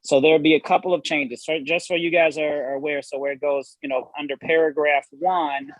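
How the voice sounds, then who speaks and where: Higher-pitched man with even intonation, explaining. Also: fairly quick, dry recording, low-quality recording. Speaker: village attorney. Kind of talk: explaining legal wording at a meeting.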